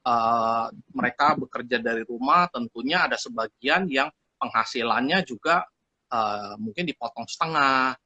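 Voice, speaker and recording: A man from Indonesia, a communication expert guest on a live stream, talking in an animated way with a loud, forceful voice. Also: medium pitch, normal speed, dry recording. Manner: animated, acts out quoted speech.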